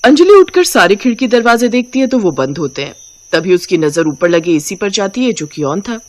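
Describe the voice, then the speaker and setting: A woman's voice: mid-range voice, moderate pace. Woman narrating a cartoon story. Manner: lively, shifts voice for each character. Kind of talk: storybook cartoon narration voicing every role.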